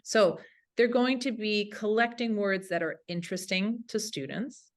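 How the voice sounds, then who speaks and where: This woman teaches languages and is giving colleagues an instructional webinar, full of enthusiasm and easygoing in manner. Her voice is mid-range and she talks a little slowly.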